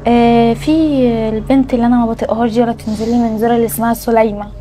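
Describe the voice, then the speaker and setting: An actress playing a jealous young Egyptian wife who is curt and sharp with guests, speaking with an Egyptian Arabic accent. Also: female voice, on the high side, level tone, rapid-fire, faint music behind, lightly acted. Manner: sharp and curt, then pleading. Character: jealous scheming young wife turning remorseful. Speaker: wife in a family drama. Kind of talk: Egyptian web drama acting.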